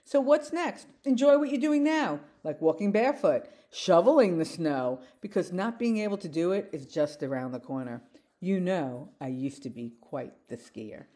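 Expressive woman in her sixties, mellow voice. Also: moderate pace. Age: 60s. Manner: animated, gestures with her hands, shifts between upbeat and low wry asides. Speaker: vlogger. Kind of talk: reflective personal monologue. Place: living room with windows, indoors. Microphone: phone camera held close, looking down at her.

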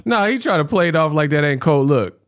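A man's voice: a little high, animated, fairly quick, no echo. A man in his thirties hosting a reaction video with colloquial, teasing commentary, often repeating himself. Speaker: reaction channel host. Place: small home studio, indoors. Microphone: close microphone on a stand.

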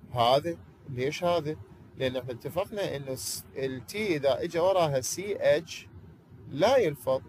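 Lively Iraqi teacher explaining. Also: male voice, a little high, a little hiss or hum, rough recording. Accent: Iraqi Arabic. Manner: asks questions and answers them himself. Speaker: English teacher. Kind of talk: online class lecture.

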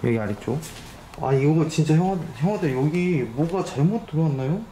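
A jumpy man hosting a ghost hunt inside an abandoned house, calling out to spirits. His voice rises and falls a lot, and the empty rooms echo around him. Loud background noise hangs under everything. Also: a little high, fairly quick. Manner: excitable, jumpy, talks to spirits aloud. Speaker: ghost hunting channel host. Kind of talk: ghost hunting vlog. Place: abandoned two-story house, indoors.

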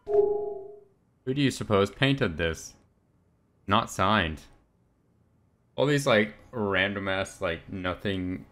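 A man with a very low voice commenting on a video game as he plays. He tosses off dry, sarcastic quips and laughs a lot, with a faint hum behind him. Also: animated, extremely slow, pauses often, fairly bright tone. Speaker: let's play gamer. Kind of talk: casual gameplay commentary.

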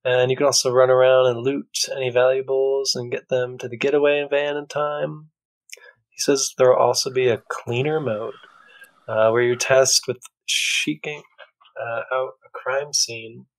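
A man's voice: medium pitch, level tone, unhurried, low-quality recording. A young man co-hosting a casual gaming podcast, upbeat and enthusiastic with hesitant ums. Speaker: podcast co-host.

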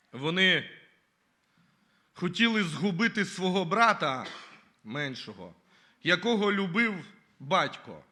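A man's voice: high voice, bright, forceful tone. A man giving his testimony at a church service, earnestly reading scripture and often calling the listeners brothers and sisters.

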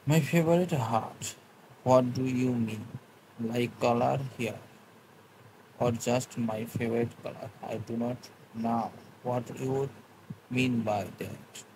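Slow-talking man in broken English. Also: mid-range voice, creaky, background noise. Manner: halting, broken English with frequent restarts. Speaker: livestreamer answering viewer comments. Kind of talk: casual live-stream chat.

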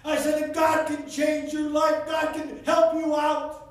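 A man preaching a sermon, telling a story with rising passion until he shouts. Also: very high-pitched, monotone, measured pace. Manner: impassioned, builds to shouting. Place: church sanctuary. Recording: echoey church from far off.

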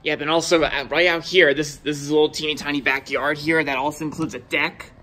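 Walking through his new house with a phone camera held off screen, a young vlogger with a slightly high voice points things out room by room. His narration is casual, unscripted and rambling, full of repeated words and restarts. He speaks briskly in a steady, pushed, bright tone, recorded indoors on the phone.

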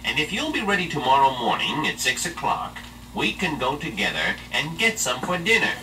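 A man voicing a mean, scheming male wolf in a read-aloud storybook, with slow, drawn-out, loud, growling delivery. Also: medium pitch, pitched above the performer's own voice. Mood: sly. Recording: distant mic with steady background noise.

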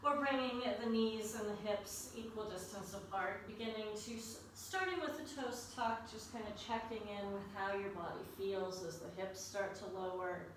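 A woman leading a yoga class as the instructor, in a calm, unhurried, soothing guiding delivery. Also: medium pitch. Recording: echoey room, distant mic, faint noise.

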